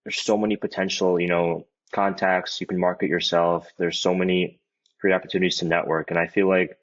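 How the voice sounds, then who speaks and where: A man's voice: low voice, little pitch movement, brisk. A man in his twenties, a hockey player guest, chatting in a laid-back, rambling way full of "like" and "you know". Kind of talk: casual interview chat. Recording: dull, lo-fi audio.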